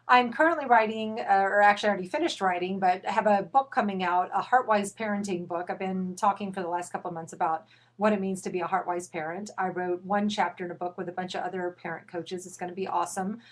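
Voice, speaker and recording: A woman's voice: mid-range voice, quick pace. A middle-aged woman parent coach giving an impassioned, emphatic video rant, a bit out of breath, with some restarts.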